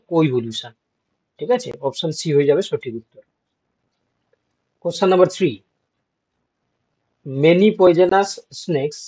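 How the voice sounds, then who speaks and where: A man's voice: fairly high pitch, dark tone. A man teaching an exam-prep lecture, explaining step by step and asking his students checking questions. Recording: dull lo-fi.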